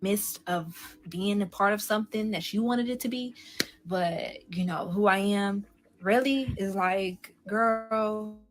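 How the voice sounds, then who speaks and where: A woman's voice: medium pitch, takes it slowly. A woman from Seattle talks casually on a live stream, drifting from one thought to the next. She speaks straight to her viewers and answers their comments in an easy, rambling way. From Seattle, USA. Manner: chatty, rambling, addresses the live chat directly.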